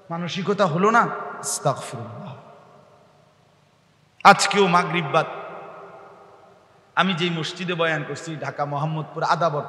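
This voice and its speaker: Impassioned high-voiced preacher, bright and echoey. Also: male voice. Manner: impassioned, rising to shouts, then dropping low; explains by asking the audience questions. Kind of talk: sermon. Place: mosque.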